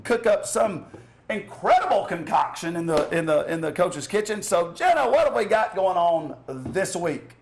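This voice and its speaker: A man's voice: sits high, very animated, moderate pace, darkish tone. A man hosting a joking cooking segment, teasing his co-host with playful, rambling, mock-serious asides. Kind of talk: joking comedy cooking bit.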